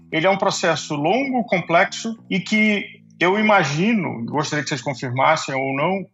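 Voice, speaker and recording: A man's voice: fairly high pitch, a bit bright, dull audio. A male podcast host asking long, thoughtful questions of his guests. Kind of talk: podcast interview.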